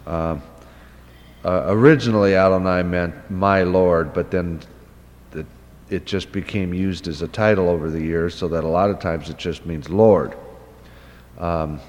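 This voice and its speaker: A Hebrew Bible teacher with a low voice gives an unscripted lecture at an unhurried pace, thinking aloud and filling pauses with "uh" and "um." He explains terms by posing questions and answering them, his voice carrying long, hall-like reverb.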